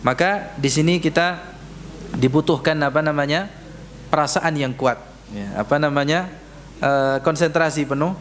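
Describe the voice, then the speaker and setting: A man teaching Quran recitation, drilling syllables slowly and correcting his students. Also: fairly high pitch, fairly bright tone, a little hiss or hum. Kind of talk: tajwid lesson in a mosque. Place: mosque prayer room.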